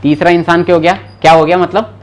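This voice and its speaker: A man's voice: a little high, fairly even intonation, a little fast, slight background noise. A young man teaching a German class in casual Hindi mixed with English, explaining word meanings, quizzing students by name and teasing them when they forget. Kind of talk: live online class teaching.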